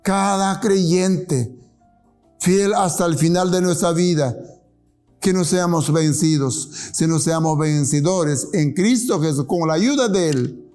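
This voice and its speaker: Earnest high-voiced preacher man. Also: darkish tone. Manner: earnest, pleading, with slowed emphatic phrases. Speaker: pastor. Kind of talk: sermon and closing prayer.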